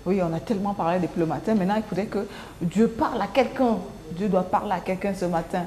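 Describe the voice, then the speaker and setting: Mellow-voiced woman hosting morning TV. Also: mid-range voice, fast, roomy sound, slight background noise. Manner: lively, repeats herself. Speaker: TV host. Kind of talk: morning TV presenting.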